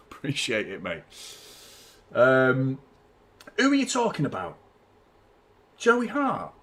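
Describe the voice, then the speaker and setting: A young man hosting a fan watchalong stream, rambling chattily and giving shout-outs to viewers. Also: medium pitch, wildly swooping pitch, slow pace. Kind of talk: live stream chat with viewers.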